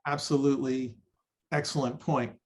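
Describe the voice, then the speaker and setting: A man's voice: mid-range voice, flat delivery, normal speed, darkish tone. A man hosting a podcast conversation, speaking in an affirming, enthusiastic way. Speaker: podcast host.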